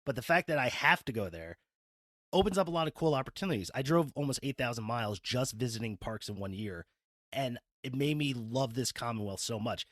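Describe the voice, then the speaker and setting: A man's voice: medium pitch, lively intonation, brisk, a bit bright, no room sound, studio quality. A man from New Jersey hosting a conversation, talking with enthusiasm about his travels. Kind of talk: casual conversation.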